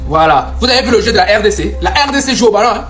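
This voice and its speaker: A man with a raised, high voice rants in a fan reaction. He teases and hammers his points, often slipping into a half-sung delivery, with faint music behind. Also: lively intonation, very fast, fairly bright tone. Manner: teasing, emphatic, half-singing.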